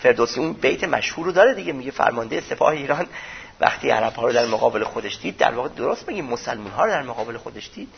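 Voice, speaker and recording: A man's voice: medium pitch, lively intonation, vocal fry, lo-fi sound, slight background noise. A man giving a religious lecture, explaining old texts in plain everyday speech.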